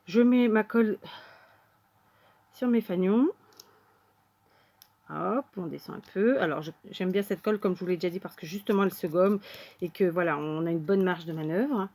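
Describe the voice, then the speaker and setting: A woman's voice: fairly low pitch, normal speed, pauses often, darkish tone. A woman hosting a casual card-making tutorial at her craft table, talking to viewers as she works and thinking aloud with plenty of fillers.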